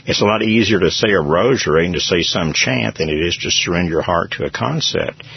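Lecturing male radio co-host, deep rough voice, muffled lo-fi broadcast. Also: brisk, slight background noise. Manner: opinionated, lecturing. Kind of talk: radio talk show discussion.

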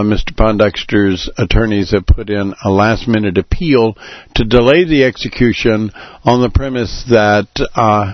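A man hosting a live radio talk show from the studio, explaining things deliberately with many pauses and fillers. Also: lowish voice, no echo. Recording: dull lo-fi radio broadcast.

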